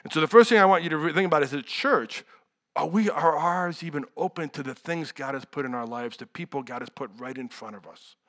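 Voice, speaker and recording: A man's voice: fairly high pitch, fairly quick, fairly bright tone. A young adult man preaching a sermon in a candid, conversational way, full of asides and rhetorical questions.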